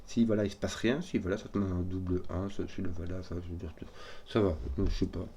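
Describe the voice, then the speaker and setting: A man solving a number puzzle out loud, hesitant and often correcting himself as he works through it. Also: low voice, flat delivery, slight background noise. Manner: hesitant, self-correcting, halting. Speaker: puzzle solver. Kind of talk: thinking aloud while solving a puzzle.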